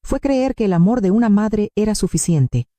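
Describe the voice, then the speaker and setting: A woman narrating a dramatic story in the first person, steady and emphatic. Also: mid-range voice, moderate pace, dry recording, clean studio sound.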